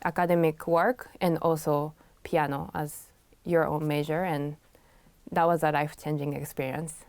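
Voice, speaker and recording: A woman from Japan, speaking as a pianist guest in a conversational interview. She talks in a soft-spoken way, with light laughs. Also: low voice, little pitch movement, normal speed, no echo.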